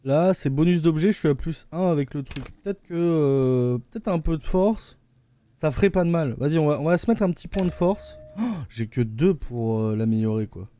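A French-accented man gives casual live-stream commentary while gaming, his voice fairly high but dark in tone, at a moderate pace. He rambles and hesitates, full of "euh" and repeated "attendez."

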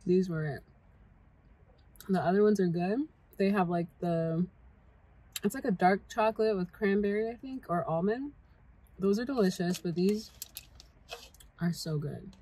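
A woman's voice: mid-range voice, measured pace, long pauses, warm tone, husky, low-quality recording. A young woman vlogger chatting casually while taste-testing snacks, talking with her mouth full at times. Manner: chatty, talks while eating. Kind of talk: casual food taste-test chat. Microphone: camera mic.

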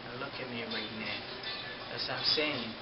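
A man's voice: medium pitch, a little slow, recorded from a distance, over loud music. Proud young man, muffled gym testimonial. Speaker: gym member. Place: indoor gym.

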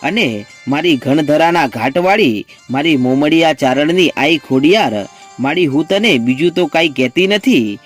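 A man's voice: on the high side, expressive, normal speed, slightly rough, soft background music. A man voicing a devout young wife who speaks a solemn, impassioned vow. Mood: pleading vow.

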